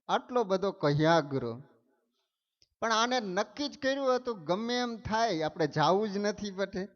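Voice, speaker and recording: A male preacher tells a story in his sermon. He speaks in an animated way, with dramatic emphasis. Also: high-pitched. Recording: dull sound, long hall reverb.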